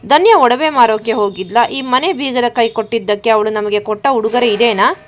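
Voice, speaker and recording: A grave older matriarch of the household who asks pointed, serious questions, read by a woman. The voice sits fairly high, and the recording is dull and lo-fi. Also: brisk, slight background noise, natural voice.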